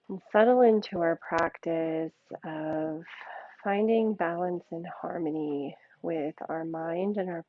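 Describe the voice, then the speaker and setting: A female yoga teacher guides a meditation in a calm, unhurried manner, leaving gentle pauses between short phrases. Her voice sits on the low side, and the dry recording sounds narrow and tinny.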